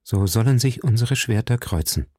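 A man's voice: medium pitch, lively intonation, normal speed, mellow, husky, no echo, studio quality. A man reading as a cold, stern nobleman. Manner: cold and severe.

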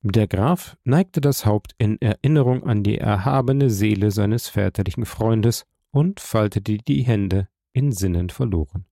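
A man narrating an audiobook in a measured, even storytelling manner. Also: on the low side, gravelly, no echo, studio quality.

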